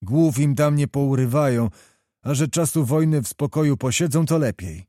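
A man voicing a proud, despotic prince and commander who speaks in a cold, slow, commanding manner in a storybook reading. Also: medium pitch, warm tone, no echo, clean studio sound, lightly acted. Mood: stern commanding.

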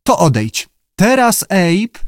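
A man's voice: high-pitched, big pitch swings, takes it slowly, dry recording, clean studio sound, voice pushed up, full character voice. A man voicing a pampered, demanding young actress in an audiobook, with a raised, petulant voice. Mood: bossy. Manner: petulant, bossy, whiny. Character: pampered, demanding young film starlet, woman.

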